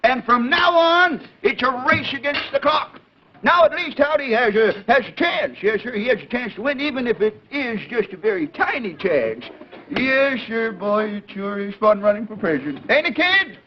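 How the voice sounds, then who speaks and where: High-voiced folksy American kids' TV host. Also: male voice, big pitch swings, normal speed, faint music behind. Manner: folksy, exclamatory, coaxing. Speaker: children's TV host. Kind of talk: 1950s children's television hosting, chatting with kids. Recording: dull, noisy vintage 1950s TV broadcast.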